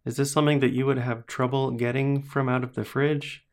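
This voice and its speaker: Gravelly host voice, dry jokey questions, casual chat. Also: medium pitch, little pitch movement, brisk, darkish tone. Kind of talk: casual conversation.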